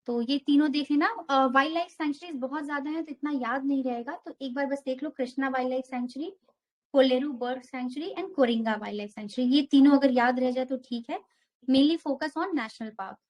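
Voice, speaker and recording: A woman's voice: high-pitched, darkish tone. A young woman teaching an exam prep geography lesson, walking through a map step by step and mixing English terms into her Hindi.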